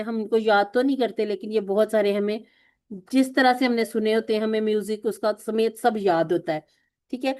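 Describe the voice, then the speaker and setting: A woman's voice: fairly high pitch, darkish tone. A woman teaching a recorded course lesson, patiently explaining and asking and answering her own questions.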